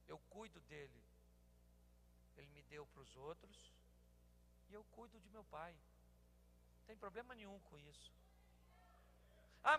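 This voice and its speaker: A Brazilian man in his sixties, a pastor delivering a humorous sermon, telling animated stories and acting out dialogues. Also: sits high, vocal fry, a little hiss or hum. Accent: Brazilian Portuguese. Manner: animated storytelling, acts out dialogues, bursts into shouting. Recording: long hall reverb.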